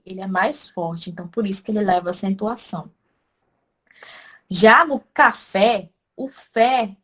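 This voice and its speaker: Woman teacher stressing syllables. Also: on the high side. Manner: explains step by step, answers her own questions; stresses syllables loudly to demonstrate. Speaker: Portuguese language teacher. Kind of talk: online class lesson.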